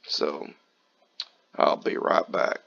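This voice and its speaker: A man from Kentucky, raspy from just waking up, chatting casually through gameplay commentary in a relaxed, folksy way. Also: extremely slow, lo-fi sound. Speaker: gaming channel host.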